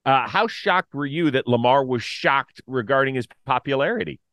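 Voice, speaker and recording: A middle-aged man co-hosting a casual sports talk show, animated and opinionated, full of quick asides. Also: mid-range voice, no echo. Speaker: podcast co-host.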